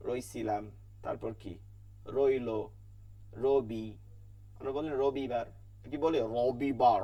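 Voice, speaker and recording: A man's voice: mid-range voice, recorded from a distance. A man teaching an online Quran class, repeating letter sounds again and again and asking and answering his own questions.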